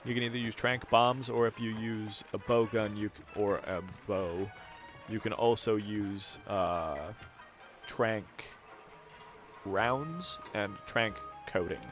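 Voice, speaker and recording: A man's voice: lowish voice, takes it slowly, a bit bright, lo-fi sound. A man giving casual let's-play commentary, explaining game mechanics and thinking aloud. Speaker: gameplay commentator. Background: game music.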